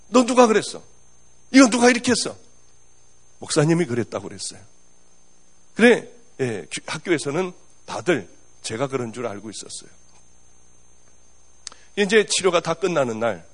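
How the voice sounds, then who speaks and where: A male pastor telling a personal story in a sermon, earnest and acting out remembered dialogue. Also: mid-range voice.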